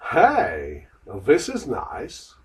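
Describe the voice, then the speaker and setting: Brief: male lesson voice, slow, deliberate repetition, lively pitch, off-mic. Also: distant mic, low-quality recording. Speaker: lesson model voice repeating lines. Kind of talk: slow repeat-after-me drills.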